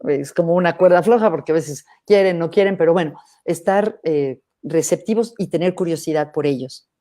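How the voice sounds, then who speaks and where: A middle-aged woman psychologist, answering questions in a thoughtful, measured way with hesitant restarts. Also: fairly low pitch, warm tone. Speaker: psychologist guest. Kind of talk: live interview answering questions.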